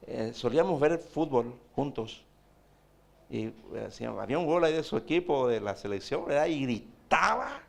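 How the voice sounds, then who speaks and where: A man's voice: mid-range voice, vocal fry. A man, preaching a sermon as pastor, pressing his point with repeated rhetorical questions.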